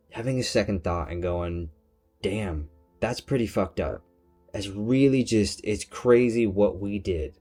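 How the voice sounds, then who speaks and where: A man's voice: on the low side, mellow. A man hosting his own channel, delivering an emphatic, preachy solo commentary full of rhetorical questions. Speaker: channel host.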